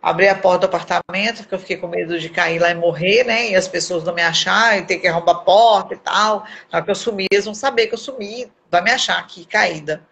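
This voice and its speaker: A middle-aged woman, giving an earnest, emotional personal testimony as a guest on a live stream, with halting repeats. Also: fairly low pitch, vocal fry, fairly bright tone, muffled recording. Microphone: phone or webcam on a live video.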